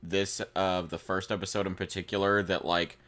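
A man's voice: low-pitched, level tone, normal speed, fairly bright tone. A man co-hosting a casual podcast, dry and hesitant in delivery. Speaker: podcast co-host. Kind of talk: casual chat.

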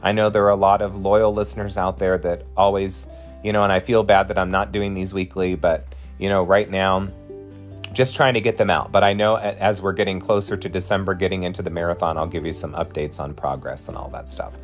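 This podcast host and drag performer, a man in his forties, talks fairly quickly in a low-pitched, flat voice over soft background music. His casual monologue stays chatty, effusive and encouraging as he speaks right to his listeners.

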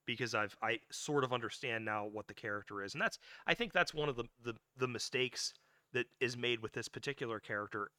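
A man's voice: mid-range voice, bright, forceful tone, no echo. A man co-hosting a pop-culture podcast, explaining with many restarts and fillers. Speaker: podcast co-host. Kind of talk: casual pop-culture chat.

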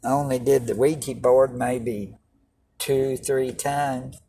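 A man's voice: mid-range voice, steady tone, slow pace, warm tone. A man preaching like a doomsday street preacher, exhorting in a folksy, plain-spoken way. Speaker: lay street-style preacher. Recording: distant mic with noticeable background noise.

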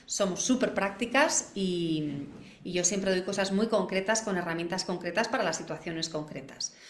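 A woman's voice: on the low side, echoey room. A woman leading a live class for parents, talking practically and posing questions to the viewers. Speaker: parenting educator.

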